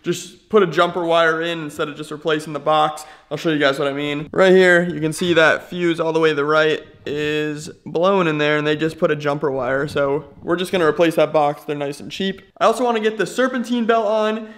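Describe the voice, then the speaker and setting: A man's voice: fairly high pitch, fairly even intonation, brisk, hardly any pauses, fairly bright tone. A man casually vlogging a car build from his home garage, laid-back and slangy, thinking aloud with easy fillers. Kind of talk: casual chat to camera.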